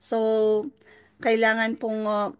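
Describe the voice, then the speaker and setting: A woman's voice: a little high, completely flat delivery, slow pace, fairly bright tone, smooth, dry recording. Middle-aged Filipino woman, dry close voice. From Philippines. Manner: mixes English into Tagalog, polite, tag questions to listeners. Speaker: mentor giving a testimony. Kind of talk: personal testimonial talk.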